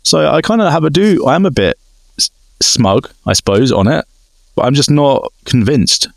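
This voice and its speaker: A man's voice: mid-range voice, moderate pace, dry recording. A man co-hosting a podcast, telling stories in a casual chat and acting out both sides of conversations. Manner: animated storytelling, acts out exchanges. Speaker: podcast co-host.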